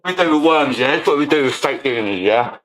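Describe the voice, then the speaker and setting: A man's voice: mid-range voice, animated, brisk, fairly bright tone, echoey room, rough recording. A man, ranting profanely on a livestream and laughing often. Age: 40s. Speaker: streamer. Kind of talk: livestream rant.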